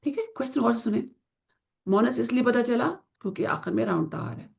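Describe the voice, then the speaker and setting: A woman teaching Quranic Arabic grammar in an online class, explaining in Urdu mixed with English and slowly drawing out the Arabic example words. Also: a little high, animated, gravelly, darkish tone. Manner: slow drawn-out pronunciation of Arabic example words, asks students to confirm.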